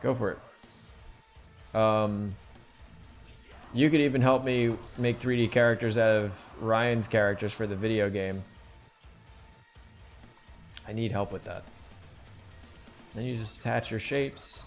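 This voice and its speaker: Male streamer, lowish voice, rambling drawing tips with fillers, quiet music bed. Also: steady tone, a little slow, pauses often. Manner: rambling, thinks aloud with fillers. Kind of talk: casual live-stream drawing lesson.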